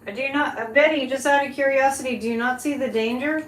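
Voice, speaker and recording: Female live-stream host, fairly high pitch, informal direct-to-viewer chat, very roomy sound. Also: fairly even intonation, fast. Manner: conversational, addresses listeners directly. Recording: roomy echo, background noise.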